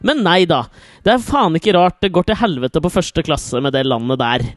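A man's voice: a little high, big pitch swings, no room sound, clean studio sound. A man, co-hosting a podcast and bantering sardonically, with some swearing. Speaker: podcast co-host. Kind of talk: casual chat.

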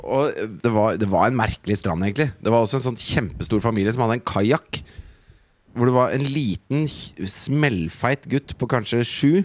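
A man's voice: mid-range voice, no room sound. A man, co-hosting a podcast and telling a story in an indignant, profane way. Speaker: podcast co-host. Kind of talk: casual chat.

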